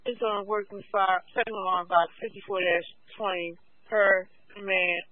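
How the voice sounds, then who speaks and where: A man's voice: high-pitched, flat delivery, moderate pace, slight background noise. A man working as a fire dispatcher, giving terse radio updates over a two-way radio. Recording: tinny narrowband dispatch scanner radio.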